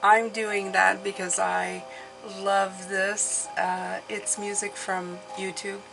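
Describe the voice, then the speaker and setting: A woman giving a casual mystical horoscope card reading as a tarot reader, musing and pausing as she thinks aloud, indoors at a table. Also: mid-range voice, little pitch movement, creaky, poor audio. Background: soft classical music.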